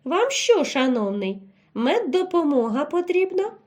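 A polite, sly old hedgehog doctor who stays calm and gently mocks his patient, as a woman narrator puts him on. The voice sits higher than the storyteller's own and bends lively up and down. A children's audio fairy tale. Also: a little slow.

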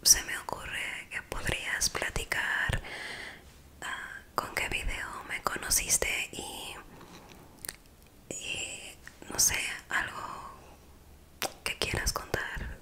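A young adult woman doing whispered ASMR in a soft, breathy, hushed and intimate voice, close to the microphone. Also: extremely slow, pauses often. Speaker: ASMR video creator. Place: small bedroom, indoors. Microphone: close desk microphone.

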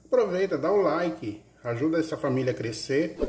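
Slightly high and lively in intonation, the man talks at normal speed while cooking in his home kitchen for his wife's channel. He describes every step homely and casually, using lots of diminutives, to an overhead camera. The background is noisy, echoey, and full of clattering dishes.

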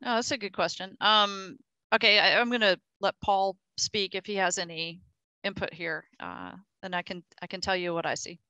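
A woman's voice: mid-range voice, steady tone, moderate pace, bright, forceful tone, clear, resonant tone, no echo, muffled recording. A woman explaining technical points on a video call, thinking aloud with frequent restarts and fillers. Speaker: project engineer in a technical meeting. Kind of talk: casual technical discussion.

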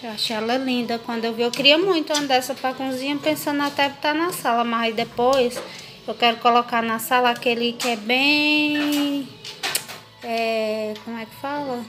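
Holding her own phone or camera indoors in her home kitchen, a Brazilian-accented woman vlogs casually for viewers, demonstrating and explaining things in an informal way. She speaks at a moderate pace in a fairly high voice, with music playing in the background.

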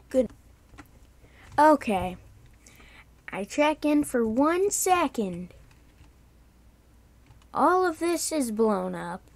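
Sleepy, slow-talking woman gamer. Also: high voice. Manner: sleepy monotone. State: just woken up. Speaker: gaming YouTuber. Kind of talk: casual gameplay commentary.

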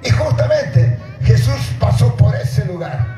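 A middle-aged man preaching at night on an outdoor stage, speaking into a handheld mic, calling out to the congregation and shouting at the peaks. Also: sits high, very animated, takes it slowly, music in the background, crowd noise. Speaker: pastor. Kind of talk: open-air sermon. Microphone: handheld mic through PA, filmed from far. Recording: echoey PA sound from far off.

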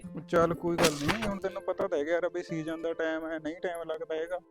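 An actor playing a brother who keeps calming and reassuring his tearful married sister. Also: a little high, fast, over loud music, lightly acted. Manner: soothing, reassuring, repeats himself. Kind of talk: village drama acting.

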